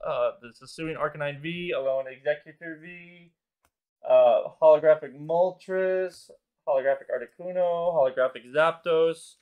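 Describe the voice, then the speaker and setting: Higher-pitched male livestream co-host. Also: normal speed, few pauses, clear, resonant tone, narrow, tinny audio. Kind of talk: casual livestream chat.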